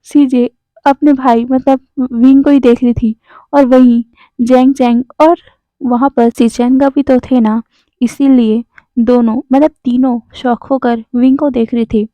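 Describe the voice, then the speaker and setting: Woman, high voice, chatty casual story narration, dry dull lo-fi recording. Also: little pitch movement, measured pace, no echo. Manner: chatty, addresses listeners directly. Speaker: fan fiction storyteller.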